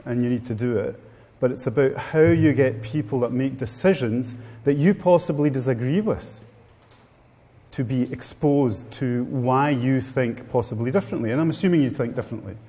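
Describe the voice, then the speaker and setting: A middle-aged Italian man with an Italian accent gives a wry, informal talk to a live seminar audience as a guest speaker. His mid-range voice has a dark tone and a moderate pace, and a long hall reverb trails after it.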